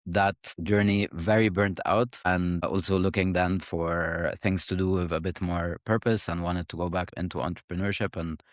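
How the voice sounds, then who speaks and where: A man's voice: low voice, steady tone, moderate pace, hardly any pauses, no room sound, clean studio sound. A man in his thirties from Egypt, a startup founder giving thoughtful, conversational interview answers with frequent fillers and restarts.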